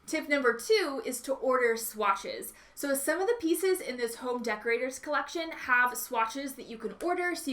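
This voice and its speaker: A woman's voice: on the high side, fairly bright tone. A woman hosting a home makeover vlog with upbeat, enthusiastic, gushing DIY narration.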